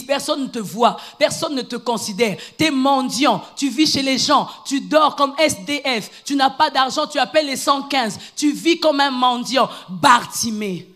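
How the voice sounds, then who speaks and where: A woman preacher giving a fervent sermon in church, moving between low, hushed stretches and loud, repeated calls to her congregation. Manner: fervent, repetitive, shouting exhortations.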